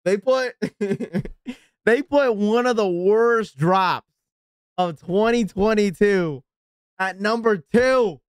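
Smooth-voiced man ranting on a live stream. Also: high voice, slow pace, dry recording, clean studio sound. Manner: ranting, exasperated, shouts out subscribers. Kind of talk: live stream reacting and chatting with viewers.

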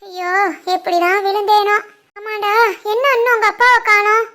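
A woman voicing an elderly mother with a sore leg in an animated family drama, groaning and drowsy. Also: extremely high pitch, normal speed. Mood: sore, sleepy.

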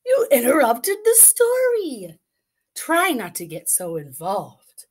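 Woman as an exasperated, animated father rooster. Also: high voice, slow, slightly rough, pitched above the performer's own voice, heavily acted. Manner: exasperated, parental. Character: patient, weary father rooster, gently scolding.

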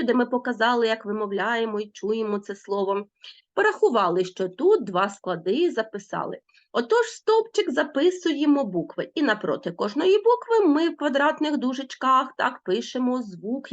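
A woman's voice: a little high, dull audio. A woman teacher explaining a school lesson step by step, with playful asides.

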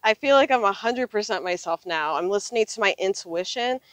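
A woman in her thirties who travels full-time in an RV speaks earnestly and reflectively as a guest in a casual, conversational interview. She's outdoors on an open desert gravel lot, recorded dry on a clip-on lapel mic. Her mid-range voice is fairly bright, brisk and lively in intonation.

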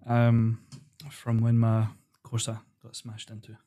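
Calm young man telling stories. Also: medium pitch. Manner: calm, unhurried storyteller. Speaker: podcast guest. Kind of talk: casual chat.

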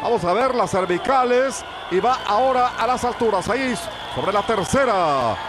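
A man's voice: sits high, expressive, moderate pace. A man with a Mexican accent calling a lucha libre match move by move as a television commentator. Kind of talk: live sports commentary. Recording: noisy arena with crowd behind.

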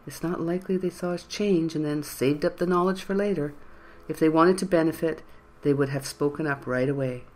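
A storyteller voicing a calm, wary young man who mutters low and reasons steadily. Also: a little fast, lightly acted. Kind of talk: audiobook character voice.

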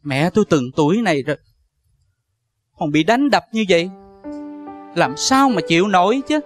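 A woman's voice: fairly low pitch, lively intonation, normal speed, lightly acted. A woman playing a poor, devoted young male scholar caring for his sick mother, pleading and mournful in an opera role. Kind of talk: sung and spoken Vietnamese opera role. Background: loud traditional music.

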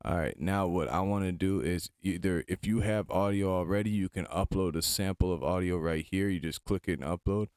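A man's voice: sits low, brisk, few pauses, darkish tone, clear, resonant tone, no echo. A man hosting a screen-recorded tutorial, chatting informally as he gives step-by-step instructions into a close mic. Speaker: tutorial host.

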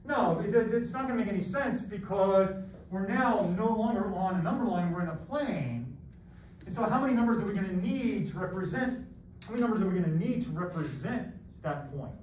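A middle-aged American college math teacher, masked in front of his students, gives an animated, theatrical lecture full of rambling, self-deprecating asides. His voice sits high and moves briskly. A distant camera at the back picks him up in an echoey classroom with background noise.

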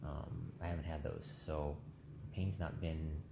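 Low, flat-voiced man, weak after surgery. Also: gravelly. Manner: subdued, halting, rambling. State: weak, tired after surgery, sore throat. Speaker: patient vlogger. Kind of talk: casual recovery update, talking to camera. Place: small hospital room, lying in bed. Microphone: phone held at arm's length. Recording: roomy, noisy phone recording in hospital room.

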